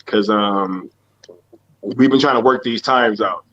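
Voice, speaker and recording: A man's voice: fairly low pitch, slow, a bit bright. A man hosting a casual live stream chat, talking in a laid-back, slangy way full of fillers. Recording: dull lo-fi stream audio.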